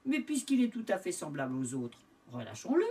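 A woman voicing a practical male farmer, brisk and matter-of-fact. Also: lowish voice, wildly swooping pitch, warm tone, recorded from a distance. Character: practical middle-aged farmer man, rustic.

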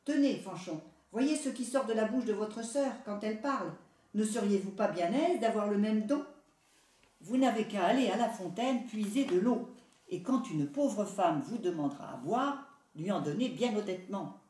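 A woman reading aloud and voicing a greedy, excitable mother in a fairy tale, exclaiming and scolding. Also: medium pitch, moderate pace, lightly acted. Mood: coaxing. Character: shrill astonished greedy mother, middle-aged woman. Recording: echoey room, voice far from mic.

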